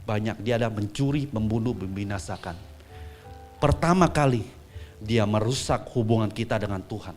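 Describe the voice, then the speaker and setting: A man preaching a sermon, telling a story with acted-out voices and swinging from soft asides to loud peaks. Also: fairly low pitch, moderate pace, faint music behind. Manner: acts out quoted voices in dialogue.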